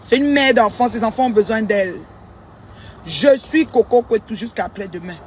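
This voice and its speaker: A woman's voice: on the high side, normal speed, darkish tone, a little hiss or hum. Emphatic woman ranting outdoors. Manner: emphatic, repetitive, keeps addressing listeners as "maman". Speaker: social media commentator. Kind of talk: casual spoken vlog monologue.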